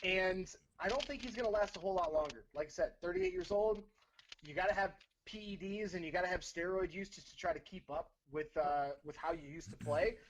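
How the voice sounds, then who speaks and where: A man's voice: sits high, brisk, lo-fi sound. A man co-hosting a sports podcast, giving blunt takes and often repeating himself. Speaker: podcast co-host. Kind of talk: casual sports talk.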